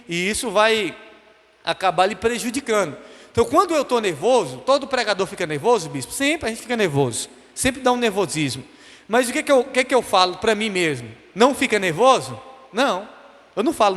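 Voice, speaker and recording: A man's voice: extremely high pitch, fairly bright tone, big-room sound. A man, a bishop teaching a preaching course, speaking emphatically and firing rhetorical questions at his class. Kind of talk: church classroom lecture.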